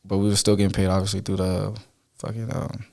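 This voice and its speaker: A man telling his story in a relaxed podcast chat as a guest, full of slang and filler. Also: sits low, brisk, creaky. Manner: laid-back slangy storytelling. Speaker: guest YouTuber.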